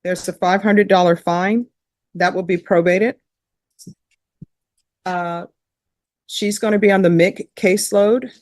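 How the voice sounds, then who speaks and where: A woman judge running a hearing in a measured, procedural way, with a few light fillers. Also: medium pitch, steady tone, darkish tone, dry recording, studio quality. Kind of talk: courtroom proceedings.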